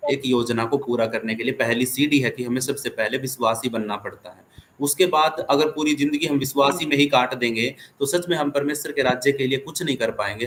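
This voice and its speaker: A man's voice: medium pitch, fairly bright tone, slight background noise. Earnest male pastor counseling a caller. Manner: earnest, encouraging, many tag questions. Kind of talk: pastoral counsel on an online call. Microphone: video call.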